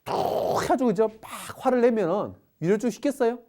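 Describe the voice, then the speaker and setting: Animated woman parenting lecturer. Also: a little high, a little fast. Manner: animated, talks to audience with rhetorical questions. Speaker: parenting educator.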